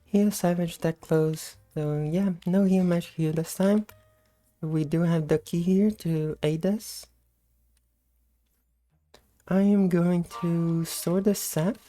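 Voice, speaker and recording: A woman giving casual, unhurried gameplay commentary in a sleepy, just-woke-up morning voice. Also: on the low side, steady tone, dark tone, faint music behind. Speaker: gameplay host.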